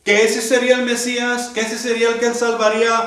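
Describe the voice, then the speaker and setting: A man's voice: very high voice, monotone, fairly quick, a bit bright. A man preaching a sermon to his congregation, asking rhetorical questions and acting out the cries of the people in the story. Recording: echoey hall, voice from far off the mic.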